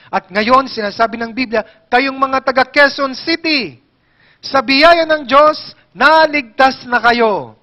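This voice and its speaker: High-voiced pastor preaching animatedly. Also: male voice. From Philippines. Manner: animated, jokes with congregation, asks questions. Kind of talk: sermon. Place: church hall.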